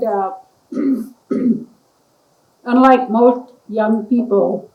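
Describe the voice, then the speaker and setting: A woman reminiscing at a memorial service, speaking in a slow, halting way with many pauses. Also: medium pitch, reverberant, lo-fi sound.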